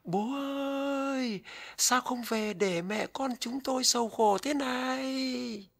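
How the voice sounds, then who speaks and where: A man voicing a sorrowful, pleading fairy wife in a Vietnamese folktale, plaintive and drawn-out. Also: extremely high pitch, vocal fry, fairly bright tone, exaggerated voice.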